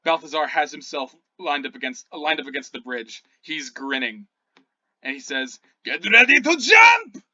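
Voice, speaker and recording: A man's voice: mid-range voice, fairly even intonation, moderate pace, bright, forceful tone. A man running a tabletop game as dungeon master, narrating vividly with sound effects. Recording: dull lo-fi sound.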